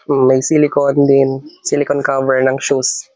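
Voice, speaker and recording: A young man, a student, chatting politely and softly giving thanks during an unboxing vlog. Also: medium pitch, a little slow, dry recording, low-quality recording. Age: young adult. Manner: polite, flat, soft-spoken thanks. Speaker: student guest. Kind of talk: casual chat.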